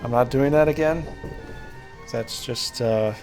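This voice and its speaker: A young man streams a game late at night, rambling casually about it and his channel into a desk microphone. His medium-pitched voice is unhurried, gravelly and darkish, with a self-deprecating streak, and faint music plays behind him.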